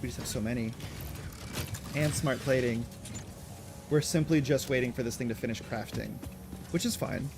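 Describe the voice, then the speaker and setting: A man's voice: mid-range voice, moderate pace, creaky, pauses often. A man streaming a factory-building game, chatting casually to himself as he plays, often addressing the machines. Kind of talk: casual gameplay commentary. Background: game music.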